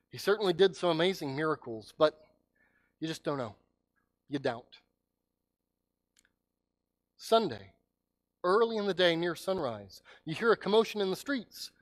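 A man preaching a sermon as pastor, telling a story dramatically and swinging from loud cries to hushed words. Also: sits high, expressive, normal speed, pauses often.

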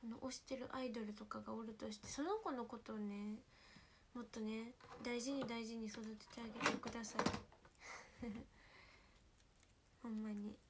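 A teenage woman with a Kansai accent chatting casually with fans on a livestream, speaking softly and often whispering because of a sore, swollen throat. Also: fairly high pitch, fairly even intonation, moderate pace, long pauses, very noisy. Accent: Kansai Japanese. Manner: soft-spoken, often drops to a whisper. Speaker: idol livestream host. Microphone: phone.

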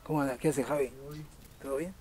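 A man's voice: medium pitch, steady tone, fast, noisy background, pitched below the performer's own voice, lightly acted. A man voicing a cheeky male puppet with a Rioplatense Argentine accent, greeting a crowd with crude, teasing banter.

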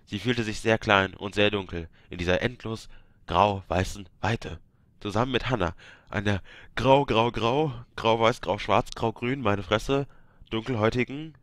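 A man's voice: lowish voice, fairly bright tone, no echo. A man reading a fantasy game book aloud, breaking off now and then to joke with listeners. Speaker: reader of game books. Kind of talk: reading aloud with joking asides.

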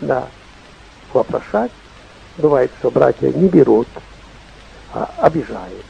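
A man's voice: mid-range voice, big pitch swings, takes it slowly, vocal fry, lo-fi sound, a little hiss or hum. An older man, a bishop, preaching in a rambling, repetitive folksy way, heard on an old dictaphone tape recording. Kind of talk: sermon.

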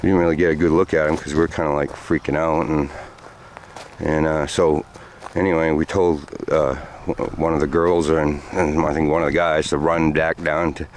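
Man in his forties, extremely low voice, loose rambling storyteller, outdoor walk, faint background hiss. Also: level tone, moderate pace. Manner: rambling, loose with many fillers. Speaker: vlogger. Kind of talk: walking storytelling vlog. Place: outdoors on sandy trails by woods.

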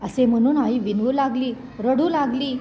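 A woman reads a classic tale aloud in measured, expressive narration. Her voice sits high for a woman. Faint ambient noise hangs softly behind her. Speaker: storyteller. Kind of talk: reading a classic story aloud.

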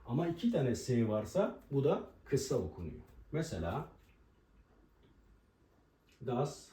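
A man teaching a language lesson at a board, explaining pronunciation and slowly repeating each example word. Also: mid-range voice, sing-song, mellow. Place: room with a writing board. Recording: roomy echo, voice from a distance.

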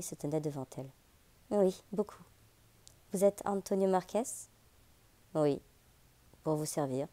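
Mellow low-voiced woman narrator. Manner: measured, expressive reading. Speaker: audiobook narrator. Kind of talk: scripted literary narration.

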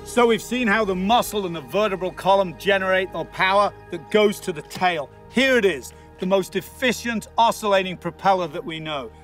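A man's voice: high-pitched, moderate pace, few pauses, fairly bright tone, faint music behind. An older man presenting a nature documentary outdoors, explaining things to camera. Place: outdoors on grass by the sea.

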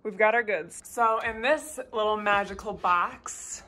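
Recorded on a phone held at arm's length, a young woman in her twenties speaks at medium pitch and a little slowly while vlogging her workout plan and explaining exercise technique. She's bubbly and chatty, moving from home to her car to voice-over on gym footage. The sound is roomy, with background noise.

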